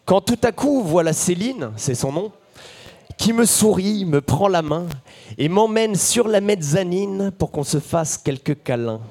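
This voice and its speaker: A man's voice: high-pitched, animated, a little slow, darkish tone. A man performing a bawdy, self-mocking comic story in rhyme in front of a live audience.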